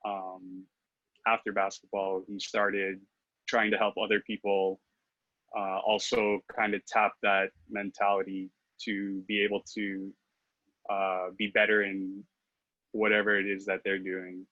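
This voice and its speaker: Casual interview chat from a man in his 30s, originally from the Philippines and raised in Los Angeles, who is a podcast guest and hesitates with many fillers and restarts. His low-leaning voice is monotone, measured, pushed and bright, on a dry, dull recording.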